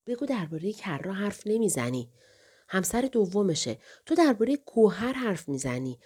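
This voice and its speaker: A woman voicing a kind young woman's spirit who speaks softly and reassuringly. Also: mid-range voice, very animated, slightly rough. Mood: coaxing. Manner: soft, reassuring, whispering.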